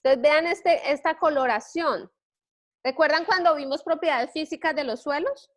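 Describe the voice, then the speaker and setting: A woman's voice: high voice, normal speed, fairly bright tone. A woman giving a soil science lecture, explaining step by step and quizzing her students with rhetorical questions. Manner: frequent "¿sí?" checks and restarts.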